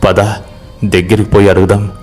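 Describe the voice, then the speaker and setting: A man's voice: low-pitched, flat delivery, brisk, a little mellow, close to an everyday voice. A blunt rustic village man, as a male storyteller puts him on, talks with a Telangana accent. He speaks plainly and a little mockingly in a horror story. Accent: Telangana Telugu.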